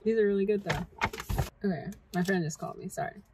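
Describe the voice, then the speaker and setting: A woman's voice: medium pitch, fast, dark tone, low-quality recording. Young woman, casual vlogger chat, talks while chewing, faint background noise. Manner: chatty, talks while eating. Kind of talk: casual food taste-test chat. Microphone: camera mic.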